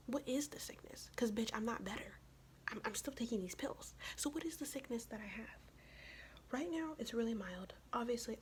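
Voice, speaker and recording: A young woman from the United States whispering in a close, raspy ASMR voice, her throat worn from illness, telling a blunt, profane, chatty story. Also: on the high side, slight background noise. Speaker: ASMR vlogger.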